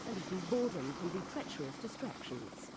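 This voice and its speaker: A woman reporter reading scripted documentary narration in a measured, formal manner. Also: fairly low pitch, sing-song, very noisy.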